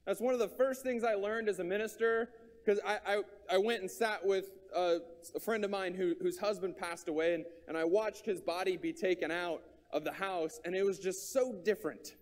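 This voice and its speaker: High-voiced preacher in a reverberant hall. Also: male voice, fairly even intonation, normal speed. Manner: earnest, repeats key phrases, thinks aloud with restarts. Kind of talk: sermon.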